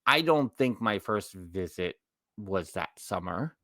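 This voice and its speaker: A man's voice: lowish voice, lively intonation, slow pace, fairly bright tone, no room sound. A middle-aged man with a New York accent, co-hosting a casual podcast chat and telling rambling stories that often restart mid-sentence. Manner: rambling, self-correcting storyteller. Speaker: podcast co-host.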